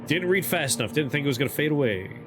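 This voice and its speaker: A man's voice: a little high, animated, fast. A man livestreaming a game, chatting casually and reading options aloud as he plays. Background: faint game music.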